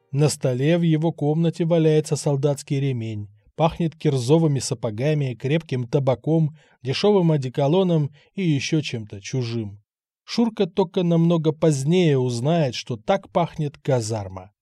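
A man narrating a novel in a measured, unhurried storytelling manner. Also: a little high, lively intonation, mellow, no room sound, clean studio sound, soft background music. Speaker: audiobook narrator. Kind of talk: novel reading.

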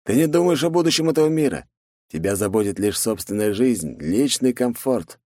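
Male reader as a cold, mocking rival brother, measured, lively swings in pitch, dry audiobook sound. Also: dry recording, natural voice.

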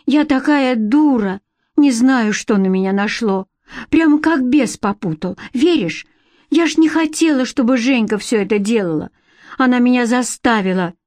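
Tearful young village girl, wheedling and repentant, high and bright, as a woman reads her. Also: no room sound, studio quality.

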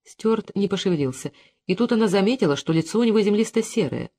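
An audiobook narrator reading a literary novel in an even, measured storytelling manner. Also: mid-range voice.

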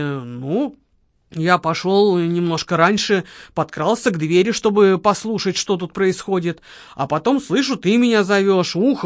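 A woman's voice: lowish voice, no room sound, clean studio sound, lightly acted. A woman reading an audiobook, voicing a shy man who mumbles sheepishly. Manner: embarrassed mumbling.

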